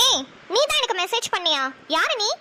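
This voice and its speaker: A woman's voice: very high-pitched, big pitch swings, fairly quick, over loud music. A woman voicing a fiery young woman who scolds hard in a cartoon. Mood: angry. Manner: scolding, fierce. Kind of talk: cartoon voice acting.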